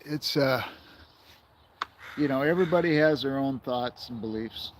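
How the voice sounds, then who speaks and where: A man's voice: medium pitch, a little slow, slight background noise. A man in his sixties from the United States, rambling and chuckling as he chats casually with viewers on a livestream. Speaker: livestream host.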